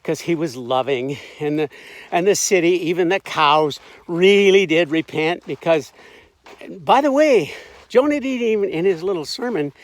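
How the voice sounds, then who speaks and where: A man's voice: on the high side, dry recording. A man casually retelling a Bible story as a satire, irreverent and wry, with frequent asides and restarts. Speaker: informal Bible commentator.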